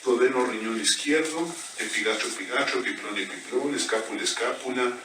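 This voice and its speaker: A man working as a biomagnetism therapist, reciting pairs of body points in a quick, steady murmur during a live scan. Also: medium pitch. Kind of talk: rapid-fire live scanning recitation. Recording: echoey room, distant mic, background noise.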